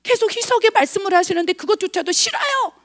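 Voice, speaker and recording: High-voiced woman preaching emphatically. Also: animated, quick pace. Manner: emphatic preaching with frequent rhetorical questions; swings between loud stresses and hushed, near-whispered asides. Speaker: missionary pastor. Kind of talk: sermon.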